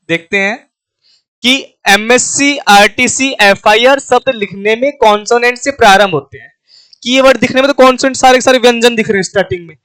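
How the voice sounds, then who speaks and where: High, clear-voiced Indian man teaching. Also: a bit bright, no room sound, low-quality recording. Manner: asks himself questions and answers them, repeats key points; spells words out letter by letter, slowly. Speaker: English teacher. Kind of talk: classroom-style grammar lesson.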